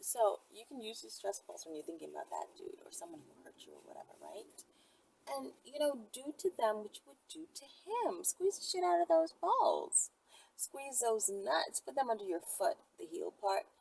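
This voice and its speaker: Speaking bluntly to viewers on her own channel, this woman with a Bahamian accent offers candid, casual advice in informal talk laced with swearing. Her voice is on the high side, swings widely in pitch at a normal speed, and has vocal fry, some mellowness and slight roughness. The audio is poor.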